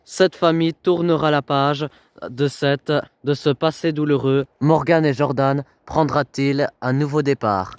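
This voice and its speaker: A man giving scripted voice-over narration for a reality documentary, with dramatic, punchy phrasing and pauses. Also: a little high, fairly even intonation.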